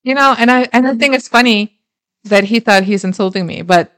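A woman co-hosting a casual chat podcast from Germany, chatty and quick to laugh. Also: on the high side, a bit bright, dry recording, studio quality. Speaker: podcast co-host.

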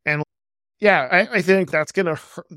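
Male host, slightly high smooth voice, relaxed sarcastic chat, dry close mic. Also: no echo. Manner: conversational, quick asides, self-aware sarcasm. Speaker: podcast host. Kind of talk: casual podcast conversation.

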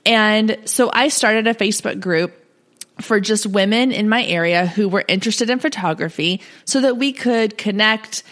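A woman's voice: mid-range voice, moderate pace, a bit bright. A woman hosting a podcast in chatty, upbeat, informal talk, her voice scratchy and cracking from a sore throat. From Texas, US South. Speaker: podcast host. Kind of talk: casual solo podcast talk.

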